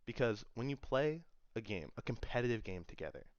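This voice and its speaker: This young adult man gives a casual public speech, talking conversationally and with emphasis while repeating phrases for stress. His medium-pitched voice is very animated and brisk, and the dull-sounding audio has no echo.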